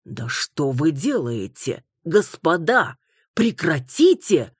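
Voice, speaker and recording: A woman's voice: deep voice, sing-song, takes it slowly, a little mellow, breathy edge, dry recording, clean studio sound, full character voice. A woman voicing a timid middle-aged man, a cemetery director who tries to stop a fight and panics. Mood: alarmed.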